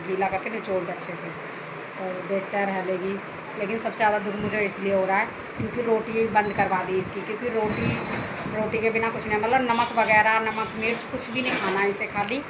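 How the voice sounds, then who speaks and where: Chatty mother vlogging at home. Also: medium pitch. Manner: chatty, repeats herself, addresses viewers as guys. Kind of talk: casual home vlog. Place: home kitchen. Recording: noisy home phone recording.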